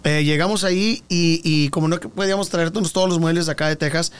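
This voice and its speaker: A man with a slightly high voice tells a story in a relaxed, conversational way. He acts out the other people's lines and the sound effects as the story unfolds. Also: fast, clear, resonant tone. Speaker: guest singer. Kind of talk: casual storytelling interview.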